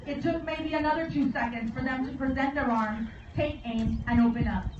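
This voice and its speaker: A high-voiced woman gives a formal commemorative speech as guest speaker at a memorial service, solemn and measured with deliberate phrasing. The recording is echoey, distant, dull and very noisy.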